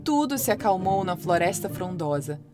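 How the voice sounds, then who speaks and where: A woman tells a children's story with a Brazilian Portuguese accent, her voice riding up and down with lots of expression. Soft music plays quietly behind her. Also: fairly low pitch, moderate pace. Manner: lively, expressive, warm-hearted. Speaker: storyteller, podcast host.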